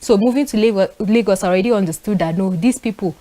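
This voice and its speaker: On a relaxed talk show panel, this young northern Nigerian woman with a Nigerian accent recounts stories in a lively way, often using fillers. Her pitch is medium and she talks quickly.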